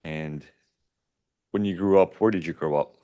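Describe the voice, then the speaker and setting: Deep-voiced man questioning a witness. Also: warm tone, clean tone. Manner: measured, polite questioning. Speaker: attorney. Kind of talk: courtroom questioning.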